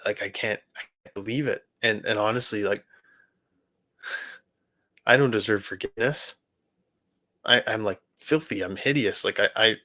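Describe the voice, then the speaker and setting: A man hosting a podcast, telling his personal faith testimony in an earnest, halting way with many restarts. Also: lowish voice, fairly bright tone. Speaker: podcast host.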